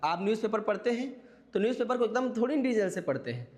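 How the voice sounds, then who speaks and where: A man's voice: high voice, lively intonation, fast, a little mellow, in a large hall. A man teaching an exam-prep class, explaining step by step and checking in with his listeners. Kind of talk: classroom lecture.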